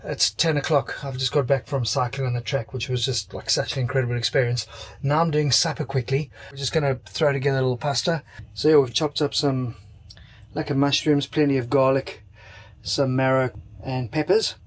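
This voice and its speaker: A man's voice: mid-range voice, fairly even intonation, fairly quick. Chatty South African man vlogging. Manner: chatty, joking, self-deprecating. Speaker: travel vlogger. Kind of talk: casual vlog chat. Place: motorhome camp beside a racetrack, outdoors.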